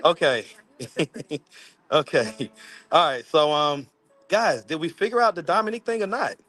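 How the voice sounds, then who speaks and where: A man's voice: on the high side, a little slow, a bit bright, soft background music. A man, hosting a casual live stream from his phone, loose and playful, laughing often. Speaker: livestream host. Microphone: phone camera.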